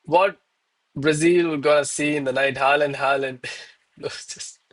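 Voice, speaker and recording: Over poor audio, a man with a slightly high, somewhat bright voice holds a steady tone at a moderate pace. He streams trading commentary to his chat in an informal, pumped-up gym-bro manner, peppering it with bro, man and guys.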